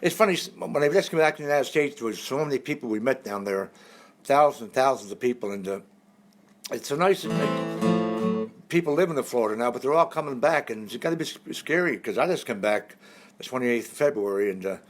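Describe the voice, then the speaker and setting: A man's voice: medium pitch, animated, a little fast. An older man, telling folksy jokes on a home live stream. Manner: folksy joke-telling, chuckling at own punchlines. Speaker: singer and entertainer. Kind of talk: casual live-stream jokes between songs. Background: guitar.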